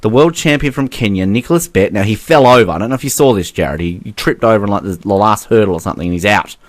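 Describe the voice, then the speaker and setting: A young man co-hosting a podcast in casual chat, animated and laughing, full of fillers. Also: lowish voice, fast, dry recording. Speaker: podcast co-host.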